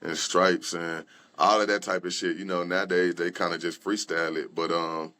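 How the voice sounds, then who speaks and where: A man's voice: low-pitched, little pitch movement, moderate pace, bright, forceful tone. A young man, a rapper and guest, telling his personal story candidly in loose conversational talk with many fillers and restarts. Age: young adult.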